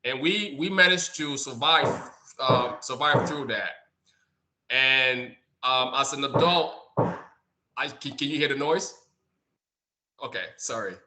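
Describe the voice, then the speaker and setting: A man's voice: medium pitch, slow, pauses often, bright, forceful tone. A man from Liberia, a nonprofit co-founder and director, speaking on an online community call, often repeating words as he searches for them. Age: adult. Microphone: video call.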